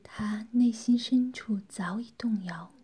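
In a hushed whisper, a woman tells a story slowly. Her voice is fairly high, airy and breathy, with a dark, mellow tone.

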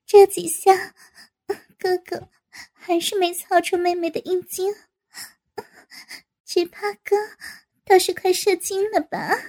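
A woman's voice: extremely high pitch, level tone, slow, pauses often, warm tone. A woman voicing a coy, giggly young woman who speaks breathlessly in an adult audio story.

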